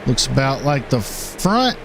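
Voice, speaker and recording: Animated male race play-by-play caller. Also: mid-range voice, vocal fry, noisy background. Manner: lively, animated calling with filler pauses. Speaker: play-by-play commentator. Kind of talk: live race commentary.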